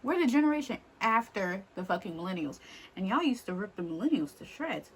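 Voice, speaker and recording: A woman's voice: medium pitch, big pitch swings, fairly quick, breathy edge. A young adult woman vlogger speaking straight to camera, blunt and exasperated, swearing freely as she rants. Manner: blunt, profane, exasperated ranting. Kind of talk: casual rant to camera.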